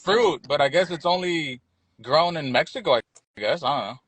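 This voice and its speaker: A man's voice: fairly high pitch, animated, normal speed, a bit bright, breathy edge, no room sound, rough recording. Joking man with a raised voice. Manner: jokey, hams it up like an auctioneer. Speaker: livestream co-host. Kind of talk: casual livestream banter.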